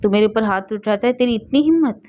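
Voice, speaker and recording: Woman doing furious scolding aunt, sharp-tongued, raised pitch, dull lo-fi sound. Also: quick pace, lightly acted. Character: angry scolding middle-aged aunt.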